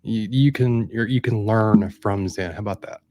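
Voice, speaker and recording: A man's voice: lowish voice, normal speed, a little mellow, no echo, studio quality. A man speaking as a guest on a casual interview, emphatic and full of stumbling restarts and repeated words. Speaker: guest, mental health coach.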